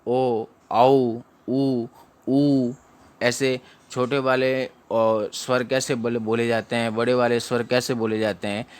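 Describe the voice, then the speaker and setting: A man teaching recitation, sounding out syllables slowly and explaining briskly. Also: mid-range voice, clean tone. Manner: chants verses slowly in a melodic tune. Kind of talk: recitation lesson.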